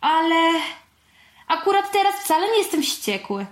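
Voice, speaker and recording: A woman's voice: unhurried, roomy sound. A woman doing an eager little boy. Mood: indignant. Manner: high, eager, exclaiming. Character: young boy, impulsive and lively. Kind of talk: storybook reading.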